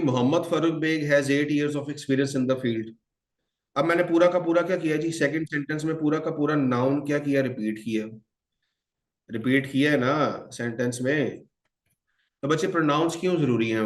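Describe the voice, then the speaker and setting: A man's voice: fairly high pitch, reverberant. A man teaching English grammar in a mix of Hindi-Urdu and English, calling his students children and quizzing them. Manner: addresses students as children, asks and answers his own questions. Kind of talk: online exam-prep lecture.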